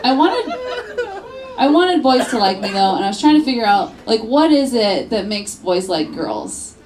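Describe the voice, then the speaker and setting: A woman's voice: on the high side, big pitch swings, moderate pace, a little mellow. A woman in her thirties performing a stand-up comedy set on a club stage, telling bawdy, self-mocking stories into a handheld mic and acting out voices. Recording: live club recording with crowd noise. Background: audience laughter.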